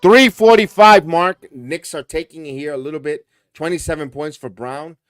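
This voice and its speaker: A man hosting a live watch-along, calling play-by-play in quick bursts that rise on big plays and talking to chat viewers by name. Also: on the high side, smooth, dry recording, clean studio sound, soft background music. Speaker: host and play-by-play caller.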